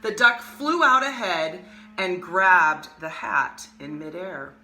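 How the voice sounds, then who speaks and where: A woman hosting an art lesson, reading a picture book aloud with expressive, animated storytelling and casual asides. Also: on the low side, takes it slowly, reverberant, faint music behind. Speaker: art teacher and host.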